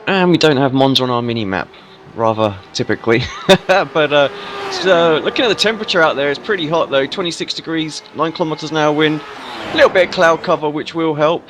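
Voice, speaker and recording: A man's voice: on the high side, brisk. A hungover man giving casual live commentary on a sim race as a commentator. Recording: clearly noisy, vehicle sounds behind.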